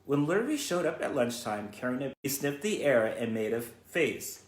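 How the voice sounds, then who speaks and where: A school educator, a man, reads a children's storybook aloud to students in a roomy, echoing space. His pitch moves in a lively way, though his halting delivery stumbles at times and repeats words.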